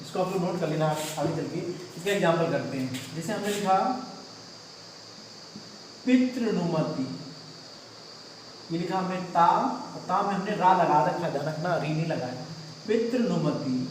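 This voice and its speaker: A man's voice: fairly high pitch, expressive, moderate pace, pauses often, a little hiss or hum. A man teaching a grammar lesson to a class, asking questions and repeating the answers himself. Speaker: Hindi teacher. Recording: echoey room, mic far off.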